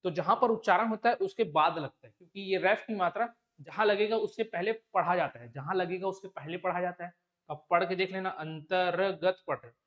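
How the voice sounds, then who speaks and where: A man's voice: high-pitched, highs cut off. A male teacher with a Chhattisgarhi Hindi accent giving an exam-prep lesson, explaining step by step and checking with rhetorical questions.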